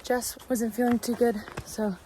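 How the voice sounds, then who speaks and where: A young woman talking to her camera in a casual, chatty, excitable way while out on a mountain hike. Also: a little high, a little slow, background noise. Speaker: vlogger. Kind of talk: casual hiking vlog. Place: outdoors on a mountain trail.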